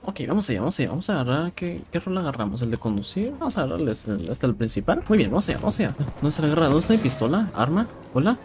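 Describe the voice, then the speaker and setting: A young man with a Mexican accent giving casual, excitable commentary while playing a shooter game, swearing and repeating words. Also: fairly high pitch, very fast, hardly any pauses. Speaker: gameplay streamer. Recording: game sounds and noise in background.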